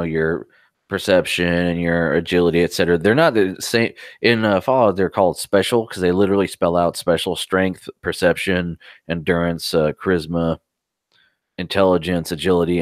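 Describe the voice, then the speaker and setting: Low-voiced man rambling casually. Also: dry recording, studio quality. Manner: rambling, swears casually, tells anecdotes. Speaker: podcast co-host. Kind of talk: casual tech podcast chat.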